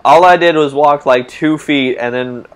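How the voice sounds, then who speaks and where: Excitable man commenting on a game. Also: on the high side, measured pace, clean tone. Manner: excitable, reacts out loud to the game. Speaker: let's play host. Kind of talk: casual gameplay commentary. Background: game music.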